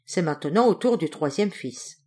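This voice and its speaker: A woman reading a fairy tale aloud, expressive and lilting. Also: lowish voice, moderate pace, slightly rough. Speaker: storyteller.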